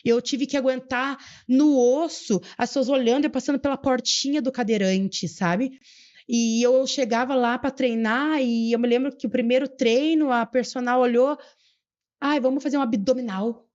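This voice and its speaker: A young adult woman, telling her personal story as a podcast guest in an earnest, fervent way and slowing down for emphasis. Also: high voice, steady tone, darkish tone, lo-fi sound. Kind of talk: emotional personal testimony.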